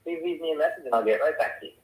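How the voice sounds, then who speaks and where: A man's recorded voicemail greeting, heard over a phone call, spoken in a brisk, businesslike way. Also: fairly high pitch. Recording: echoey, distant phone-line playback.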